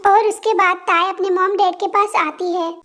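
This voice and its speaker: A woman's voice: very high-pitched, fairly even intonation, normal speed, a bit bright. A woman narrating a fan-dubbed romance story in a plain storytelling manner.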